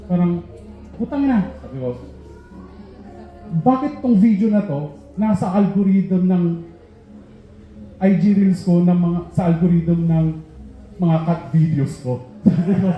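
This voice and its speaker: A young man telling a comic story at an open mic, animated and laughing at his own jokes. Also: high-pitched, unhurried, long pauses. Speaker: stand-up comedian. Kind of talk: stand-up comedy storytelling. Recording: echoey, dull open-mic room sound.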